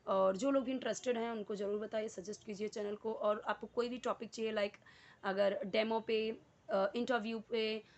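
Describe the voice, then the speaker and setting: A woman's voice: on the high side, fairly even intonation, normal speed, dull audio. A woman teaching English in Hindi, explaining sentences step by step and repeating key words with frequent fillers. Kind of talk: casual Hindi English lesson.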